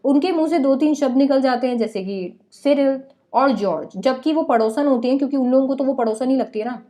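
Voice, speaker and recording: A woman's voice: high voice, dark tone. A young woman teacher casually retelling a play to her class, chatty and full of asides. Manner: chatty, mixes in English words, quick asides to students.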